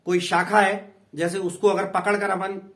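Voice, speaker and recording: A man's voice: high-pitched, little pitch movement, measured pace, a bit bright. A man with an Indian accent, an English tutor patiently explaining a play in a class lesson. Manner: patient, repeats and explains in two languages.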